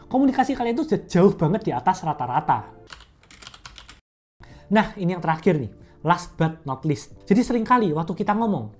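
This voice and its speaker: Young woman, low mellow voice, chatty speaking-coach vlog, soft music underneath. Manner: chatty and conversational, explains step by step. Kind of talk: casual educational vlog.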